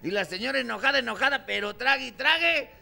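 A man's voice: very high voice, lively intonation, quick pace, vocal fry, sharp tone. A man with a Mexican accent doing a stand-up comedy routine, acting out both sides of a couple's quarrel.

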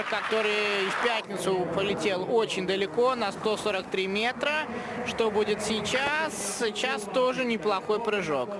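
A high-pitched man gives live sports commentary in an easygoing, conversational style, frequently pausing to think out loud.

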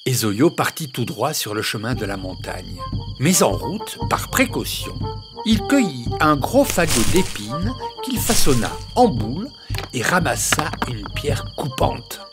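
A man narrating a children's tale in an expressive storytelling manner. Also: mid-range voice, a little slow, over music.

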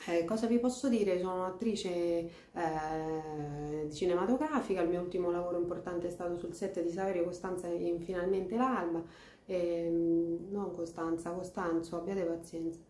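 A woman's voice: lowish voice, normal speed, warm tone. A woman in her thirties with a Sicilian accent, introducing herself informally to camera in a hesitant, flustered, apologetic way. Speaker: actress. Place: plain room in an apartment. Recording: echoey indoor room.

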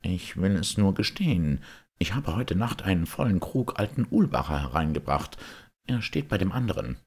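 A man's voice: low voice, sing-song, moderate pace, breathy edge, pitched above the performer's own voice, heavily acted. Man doing a cheerful wandering piper. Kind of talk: audiobook character voice.

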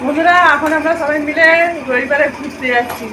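Brief: woman vlogger, high voice, chatty and friendly with viewers, noisy home recording. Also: fairly even intonation, brisk. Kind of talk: casual home vlog chat.

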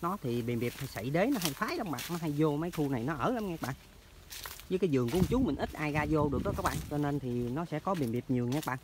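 A man with a fairly high pitch and lively intonation talks at a quick pace, with noise in the background. He's a hunting vlogger from the Mekong Delta, judging by his Vietnamese accent, casually chatting to viewers as friends on a walk through rural orchards and canal banks.

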